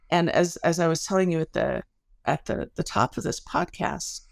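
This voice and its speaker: Her low voice carries vocal fry as this middle-aged woman, an academic researcher appearing as a podcast interview guest, explains things in a considered, careful way and keeps correcting herself. The audio is dry.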